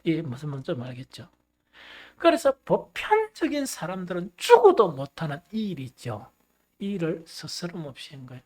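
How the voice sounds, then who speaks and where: A male pastor preaching a sermon, animated and swinging between loud and hushed. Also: a little high, moderate pace.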